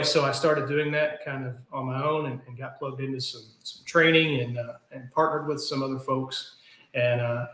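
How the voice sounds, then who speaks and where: A man's voice: mid-range voice, fairly bright tone. A middle-aged man with an Appalachian accent, chatting casually as an interview guest. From Kentucky, US. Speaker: podcast guest, business owner. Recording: echoey room.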